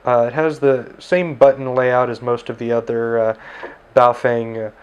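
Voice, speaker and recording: A tech reviewer who operates ham radio gives an easygoing review of a handheld radio from his desk indoors, filling it with lots of filler words. He talks at a moderate pace in a smooth, level mid-range voice, with the highs cut off.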